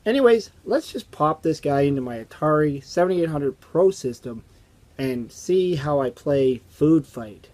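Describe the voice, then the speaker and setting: A man around his thirties or forties with a strained, hoarse and raspy voice, chatting in a rambling, conversational way as host of a retro gaming channel. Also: a little high, lively intonation, a little slow, a little mellow. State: hoarse from strained vocal cords. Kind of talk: casual chat to camera. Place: indoors, small basement game room.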